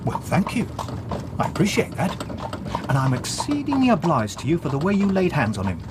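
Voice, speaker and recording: An actor playing a brisk, self-satisfied English police inspector in a radio drama, blunt and talkative. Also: male voice, fairly high pitch, huge pitch swings, heavy background noise. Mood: smug, satisfied. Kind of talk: British radio drama acting.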